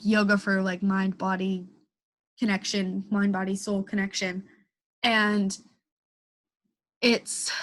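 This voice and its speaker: A woman's voice: medium pitch, fairly bright tone. A young woman chatting casually about dance training, rambling and full of "like" and "um". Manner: rambling, heavy use of "like". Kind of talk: casual chat.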